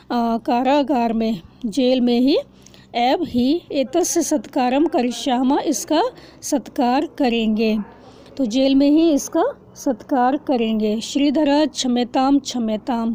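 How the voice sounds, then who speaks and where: A woman's voice: high voice, dark tone. A woman teacher reads a textbook lesson aloud, one phrase at a time, and explains each word after reading it.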